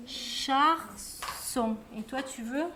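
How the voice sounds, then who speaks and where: A woman teaching kindergarten children, explaining tasks slowly and asking gentle questions. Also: on the high side, noisy background. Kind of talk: classroom instruction with young children. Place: kindergarten classroom.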